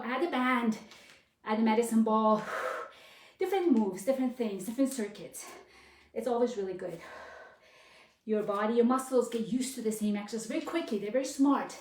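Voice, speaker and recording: A fitness instructor leads a live workout class, urging people on encouragingly with short commands and counts. Her voice is fairly high-pitched with a darkish tone. The distant microphone picks up a roomy echo.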